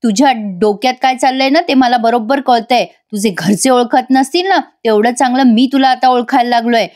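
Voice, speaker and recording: This is a hot-tempered young man who snaps and issues threats, as a woman acts him out while retelling a TV serial. His lines come slow and pointed. The voice stays fairly high. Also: a little mellow, lightly acted. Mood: angry. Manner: snapping, threatening.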